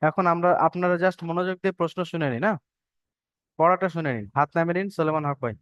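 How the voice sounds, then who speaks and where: A high-voiced man with a smooth, clear tone leads an online class, patiently repeating each point and drilling letter sounds. His voice sits close and dry on the call. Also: fast talker, no echo, dull audio. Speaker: Quran reading teacher. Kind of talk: online Arabic letter-reading lesson.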